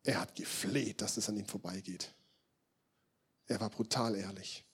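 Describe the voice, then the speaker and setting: A young man preaching a sermon in a casual, direct way, talking straight to the congregation and swinging between loud emphatic bursts and quiet, intense murmurs. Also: on the low side, fairly even intonation, moderate pace, breathy edge.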